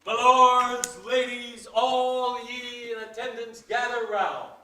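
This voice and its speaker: A man making a town crier's proclamation in a loud, ceremonial, theatrical old-fashioned manner, indoors in a council chamber. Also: very high-pitched, level tone, takes it slowly, a little hiss or hum. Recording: echoey hall, far from mic.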